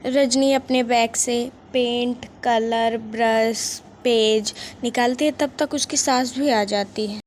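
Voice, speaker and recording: A woman narrating a cartoon family story in a plain, steady storytelling manner. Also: fairly high pitch, takes it slowly, hardly any pauses, slight background noise.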